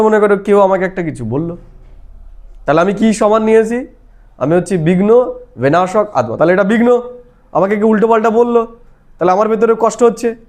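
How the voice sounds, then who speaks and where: A man's voice: sits high, a little mellow. A man explaining a devotional lesson as a spiritual teacher, talking patiently and often checking whether his listeners follow. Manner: explains patiently, asks listeners rhetorical questions.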